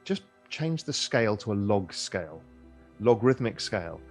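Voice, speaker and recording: A middle-aged man answering as an interview guest in a relaxed conversational way, with frequent repeats and restarts. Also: on the low side, normal speed, soft background music.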